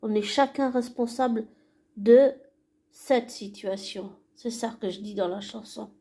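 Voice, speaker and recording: A woman's voice: fairly high pitch, a little slow, slightly rough. A woman explaining one of her own songs to viewers in a casual, hesitant way, often restarting and sometimes sinking to a near whisper. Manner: soft, hesitant, with restarts and trailing off.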